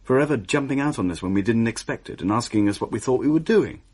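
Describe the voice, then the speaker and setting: Actor as a wry young adult son narrating a radio play. Understated, husky tone. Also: male voice, medium pitch, animated, fast talker, a little mellow, lightly acted.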